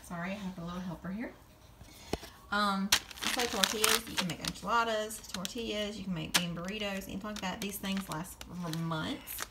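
A young woman talking through her pantry in a casual home vlog. She sounds chatty and practical, trailing her advice with ums. Steady background noise sits under her voice. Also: mid-range voice, normal speed. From American South. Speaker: vlogger. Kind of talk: casual grocery haul vlog. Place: home kitchen, indoors.

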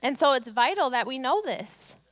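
A woman's voice: sits high, lively intonation, moderate pace, a bit bright, no room sound. A woman in her thirties preaching a sermon on a church stage into a handheld mic, urging her listeners with rhetorical questions. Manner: exhortative, rhetorical questions, acts out quotes.

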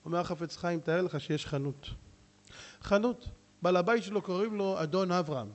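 Male rabbi, high-pitched preacher, lively sermon storyteller who shouts and whispers. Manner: animated storytelling, swings between shouting and hushed asides. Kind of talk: sermon with jokes and acted dialogue.

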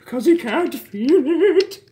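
A smug, pushy imaginary rock friend, voiced by a woman, in a homemade cartoon. The voice sits fairly high, and the talk is bossy, full of crude jokes. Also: big pitch swings, takes it slowly, dark tone, a little hiss or hum, heavily acted. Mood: scheming.

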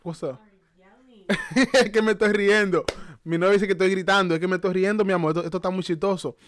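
A man reacting to clips on a live stream at home, excitable and laughing, repeating phrases over and over. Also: high-pitched, quick pace.

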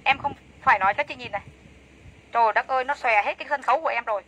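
A woman's voice: a little high, very fast, fairly bright tone, husky, rough recording. A woman selling clothes on a livestream, chatty and enthusiastic, repeating prices over and over. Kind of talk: fast live-sale patter.

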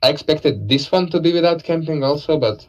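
A man's voice: fairly high pitch, brisk, lo-fi sound. A man casually commentating a live esports match, laid-back and joking, with lots of fillers.

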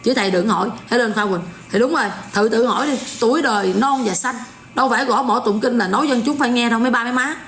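A woman's voice: on the high side, fast talker, fairly bright tone, reverberant, a little hiss or hum. A woman in her forties with a Southern Vietnamese accent, ranting in sarcastic, scolding commentary. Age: 40s. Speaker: online commentator.

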